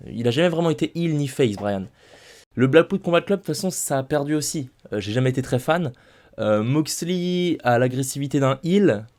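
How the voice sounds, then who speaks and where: With a mid-range, somewhat dark male voice, this young YouTuber recaps a wrestling show in a casual spoken style. Sitting at his desk microphone at home, he rants with emphasis and keeps circling back to the same points.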